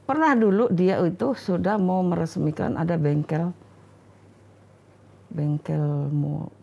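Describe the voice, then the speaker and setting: A woman's voice: on the low side, slow pace, creaky, mellow, husky. An older Indonesian woman and mother, talking casually as an interview guest and recalling family stories, often acting out the lines people said. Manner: acts out family dialogue when recalling stories. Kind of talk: casual conversational storytelling.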